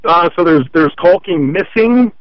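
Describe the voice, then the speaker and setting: A man's voice: a little high, animated, measured pace, no room sound. A man calling in to a radio show over the phone, explaining his complaint step by step. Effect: heard over a phone line. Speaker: caller to a consumer-advice radio show. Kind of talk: call-in conversation. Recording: muffled dry phone line.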